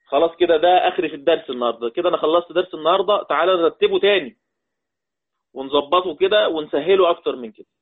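A man teaching a class with an Egyptian Arabic accent, repeating points slowly and asking the students questions. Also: fairly high pitch. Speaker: Quran recitation teacher. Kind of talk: classroom lesson. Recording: tinny phone-like audio.

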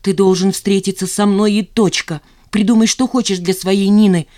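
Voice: medium pitch, fairly even intonation, a little slow, warm tone, no echo, studio quality, natural voice. A narrator voicing a young woman, desperately in love, who pleads insistently and raises her voice.

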